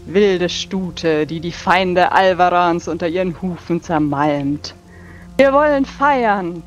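A woman playing a grand priestess in a tabletop game, declaiming a prayer like a hammy stage actor. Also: fairly low pitch. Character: theatrical priestess praying grandly to a joy goddess. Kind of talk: dramatic prayer in tabletop role-play. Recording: dull lo-fi mic over background music.

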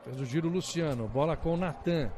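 High Brazilian man calling football, colloquial. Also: brisk, a little mellow. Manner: colloquial, punctuated with interjections. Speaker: football play-by-play commentator. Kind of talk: live match commentary. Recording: faint stadium noise on broadcast.

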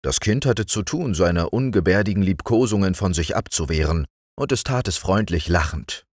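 Deep-voiced man reading a bedtime story. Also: moderate pace, no echo, clean studio sound. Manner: calm, expressive storytelling. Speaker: audiobook reader. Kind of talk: bedtime audiobook narration.

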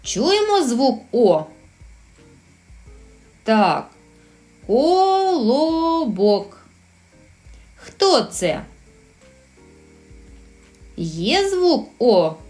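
Slow, sing-song woman teaching small children. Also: fairly high pitch, wildly swooping pitch, darkish tone, faint music behind. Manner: slow, sing-song and encouraging, drawing out sounds. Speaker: preschool teacher. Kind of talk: recorded lesson for young children.

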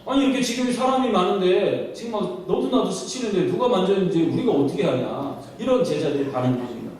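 A male pastor preaches with heartfelt storytelling and keeps asking his listeners rhetorical questions. His voice sits high for a man. He sounds far from the mic in a very reverberant church, with faint noise behind. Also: animated, fast talker, a little mellow. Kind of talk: sermon. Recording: echoey hall from far off.

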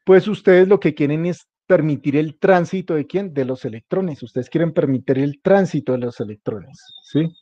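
A man's voice: a little high, moderate pace, hardly any pauses, mellow, no room sound, dull audio. A male teacher giving an informal class, who repeats his points, jokes around and keeps asking the students whether they follow. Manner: keeps checking in with the class, jokey and repetitive.

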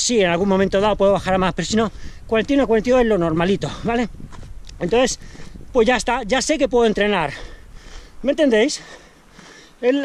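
A man from Spain, a trail running coach, explaining things step by step in a casual, colloquial way and often checking in with his listeners. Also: very high-pitched. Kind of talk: casual instructional talk to camera.

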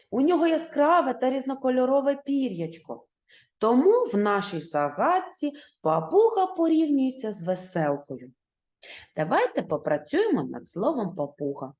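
Slow, lively woman teacher, echoey room. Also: fairly high pitch. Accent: Ukrainian. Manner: slow, clear, syllable-by-syllable teaching voice. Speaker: primary school teacher. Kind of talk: video reading lesson for first graders. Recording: echoey room, dull lo-fi sound.

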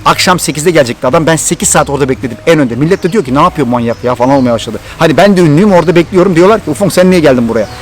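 Fast-talking excited Thracian Turkish man. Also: a little high. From Turkey. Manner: excited, animated storytelling. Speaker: vlogger. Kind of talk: storytelling vlog.

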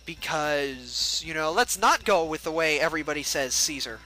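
A man's voice: a little high, normal speed, bright, forceful tone, soft background music, low-quality recording. A young man giving casual, joking let's-play commentary and chatting at the game's characters. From United States. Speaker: gameplay livestreamer.

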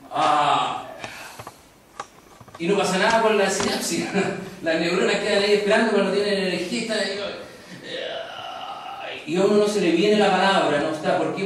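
Chilean guy teaching voice class, acts out voices to show it, big echo, faint hiss. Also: far from the mic. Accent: Chilean Spanish. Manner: demonstrates voices, shifting pitch and tension to illustrate. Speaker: voice and speech instructor. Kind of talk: recorded online course lecture.

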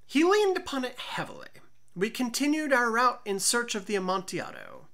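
A woman reading a gothic story aloud in a deliberate, theatrical narrating style. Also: a little high, very animated, a bit bright. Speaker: audiobook narrator.

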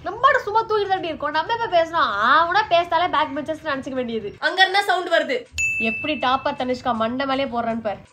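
A woman's voice: high-pitched, animated, fast, music in the background. A young woman acting out different types of schoolgirls in a comedy sketch, pleading, bossy and sarcastic by turns.

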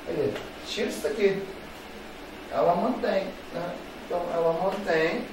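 A man's voice: high-pitched, normal speed, noisy background. A man with a Brazilian Portuguese accent teaching a grammar lesson, playful and repetitive, speaking straight to his students. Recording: very echoey room, voice far from mic.

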